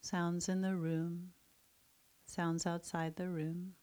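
A woman leading a guided mindfulness meditation, speaking softly and soothingly with long pauses. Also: fairly low pitch, flat delivery.

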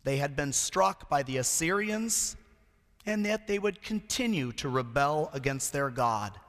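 A male preacher delivers a solemn sermon in a hoarse voice, pitched somewhat high. He speaks very slowly, setting phrases apart for emphasis, and his words carry long reverb from a large hall. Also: expressive, a bit bright. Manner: solemn, rhetorical, with deliberate emphatic pauses. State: hoarse, voice nearly lost.

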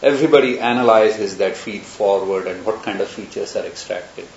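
A man's voice: fairly low pitch, moderate pace. A man lecturing to a class, thinking aloud as he moves from one example to the next. The recording is roomy and echoey, a little muffled, with a faint hiss underneath. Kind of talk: university lecture. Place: lecture room.

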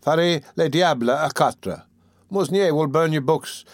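Brief: mischievous young male scholar, mocking and lively, voiced by a man, dry close read. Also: fairly high pitch, a little slow, no room sound, voice pushed up. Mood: cheeky. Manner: taunting, lively. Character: mischievous young male student, cheeky imp.

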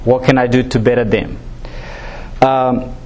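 A man from Rwanda gives a personal testimony as a student speaker. He talks haltingly, with many fillers and restarts, and sounds nervous. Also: medium pitch, little pitch movement, a little mellow, a little hiss or hum.

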